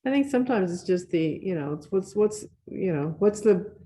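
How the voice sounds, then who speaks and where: A church class member speaking haltingly, searching for words. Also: mid-range voice, lively intonation, dark tone. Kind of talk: casual group discussion.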